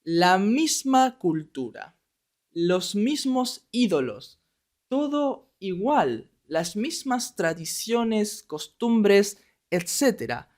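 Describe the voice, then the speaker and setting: Young argentine guy teaching spanish, neutral accent, talks real slow and clear, keeps saying ok. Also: high voice, very animated, a little mellow. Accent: neutral Latin American Spanish. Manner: speaks slowly and deliberately, checks in with "¿ok?". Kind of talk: podcast lesson, slow clear speech for learners.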